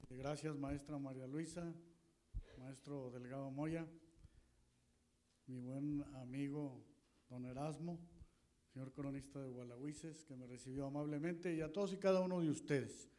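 A middle-aged guest historian from northern Coahuila, Mexico, gives a rambling, folksy public history talk on an auditorium stage, holding a handheld mic. His medium-pitched, dark-toned voice is fairly even and unhurried, with long pauses, many fillers, and restarts.

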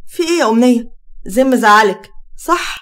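Lady playing a soft-spoken egyptian mom, coaxing and kind, high and quick. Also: expressive, close to an everyday voice. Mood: soothing. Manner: soothing, coaxing. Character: caring middle-aged mother, gentle and reassuring.

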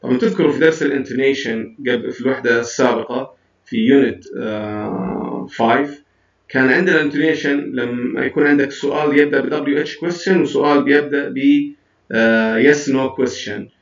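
A man's voice: mid-range voice, brisk, vocal fry, recorded from a distance. A man teaching an English lesson, explaining in a mix of Arabic and English and counting his students in. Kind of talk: recorded classroom lesson. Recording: dull, roomy sound from off-mic.

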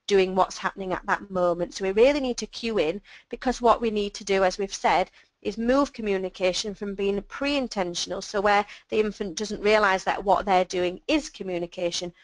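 A woman presenting a webinar on child speech and language, explaining patiently and clearly with simple examples. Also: medium pitch, moderate pace, no room sound, rough recording.

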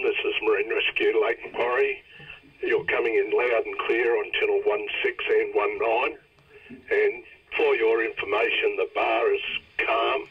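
Give me a marine rescue operator on the radio, a man heard through a narrow, crackly VHF channel. His voice is deep and rough, and he keeps a measured, by-the-book radio manner. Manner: formal radio procedure, measured. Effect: heard over a marine VHF radio. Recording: tinny radio transmission.

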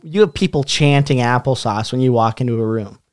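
A man's voice: medium pitch, fairly quick. A man guesting on a podcast, telling stories in casual banter and laughing often. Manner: laughs often, tells stories with quoted voices. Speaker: guest comedian and barber.

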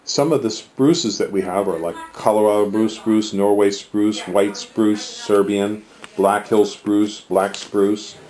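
A man's voice: fairly low pitch, fairly even intonation, slow, darkish tone. A man narrating a promotion for his tree nursery, reading through a long list of plants.

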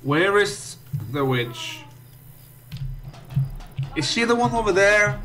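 A slightly high-voiced man hosting a game playthrough, excitable and quick to curse at the screen. Game music plays loudly under his voice throughout. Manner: excitable, exclaims and swears at the game. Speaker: host. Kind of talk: let's play gaming commentary. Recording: game music loud behind voice.

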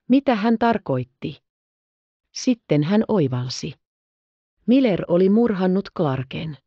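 A woman reads an audiobook in a steady storytelling manner. Her voice is low and mellow. The recording is dry and a little lo-fi. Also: no room sound. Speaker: audiobook narrator. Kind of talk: audiobook reading.

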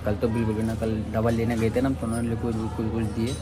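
एक युवक अपने रोज़ाना के व्लॉग में बात करता है। वह बातूनी है और दर्शकों को बार-बार भाई कहकर पुकारता है।. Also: male voice, fairly low pitch, completely flat delivery, very fast. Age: young adult. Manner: chatty, keeps calling viewers brother. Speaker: vlogger. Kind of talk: casual daily vlog. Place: rooftop outdoors and small home room. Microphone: handheld phone camera at arm's length.

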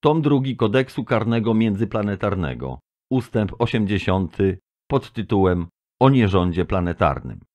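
A man narrating an audiobook plays a stentorian tentacled alien envoy, denouncing his targets with grand pomposity in a deep, thundering voice, as if addressing an assembly. The reading is solemn, with big pitch swings, a moderate pace and a darkish tone.

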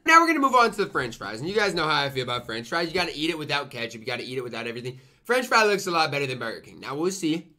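A young man reviews food casually to camera from a small room at home, eating as he talks and murmuring appreciative mms. His high, sharp voice is very animated and very fast with hardly any pauses, and he speaks emphatically, repeating himself for effect.

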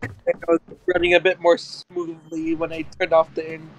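A man's voice: a little high, flat delivery, moderate pace, a little hiss or hum. A man in casual chat as a friend watching a game being played.

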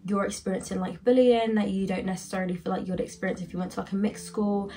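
A woman's voice: mid-range voice, steady tone, quick pace, dark tone, soft background music. A young woman from the UK chatting casually in a rambling storytime vlog, saying "like" constantly. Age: young adult. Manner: rambling, heavy use of "like". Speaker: vlogger.

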